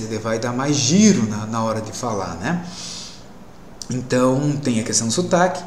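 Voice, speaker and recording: A male English teacher lecturing in a classroom at a medium pitch, explaining each point step by step and checking in with his listeners. His voice rings around a roomy space. A faint hiss sits underneath. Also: a little mellow. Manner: explanatory, frequent tag questions.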